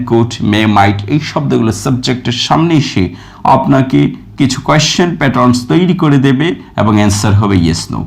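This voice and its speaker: A man teaching a recorded grammar lesson, reading example sentences slowly and with stress, then explaining each one. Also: medium pitch, vocal fry, a little mellow. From Bangladesh. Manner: reads English examples slowly and with stress, then glosses them. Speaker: English teacher.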